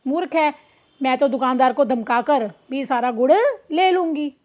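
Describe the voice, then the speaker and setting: A woman's voice: high-pitched, normal speed, darkish tone, close to an everyday voice. A woman reading as a sly, bossy fox. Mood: scornful. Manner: threatening, scolding. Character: cunning bossy female fox. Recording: dull lo-fi recording.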